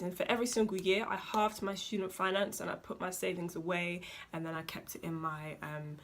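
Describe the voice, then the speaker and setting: A woman's voice: on the low side, sharp tone, a little hiss or hum. A young woman, giving chatty, emphatic money advice to her viewers with casual slang. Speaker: vlogger. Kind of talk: casual advice talk to camera.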